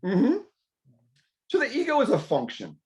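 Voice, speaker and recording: A middle-aged man hosting a casual group health discussion, rambling through animated stories and asides. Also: extremely high pitch, normal speed. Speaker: health talk host.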